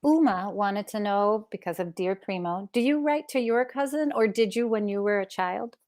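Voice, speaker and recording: On a video call, a woman interviewer conversationally relays children's questions to a guest. Her mid-range voice is animated and a little mellow, at a normal pace.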